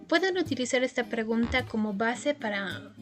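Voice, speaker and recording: A woman's voice: fairly high pitch, expressive, moderate pace, a bit bright, soft background music. A woman giving a recorded language lesson as a teacher, explaining patiently and often checking in with her listeners. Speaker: English teacher.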